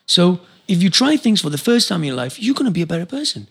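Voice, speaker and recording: A man's voice: sits high, very animated, fast, creaky, husky. A man from Argentina, a podcast guest, talking passionately and urging listeners to try new things, often repeating words as he goes. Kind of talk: casual interview chat.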